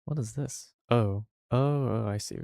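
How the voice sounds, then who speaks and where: This male streamer's voice sits in the mid range, gravelly and warm, moving at a measured pace. He keeps up casual, slangy chatter over game music while playing, frequently mumbling to himself.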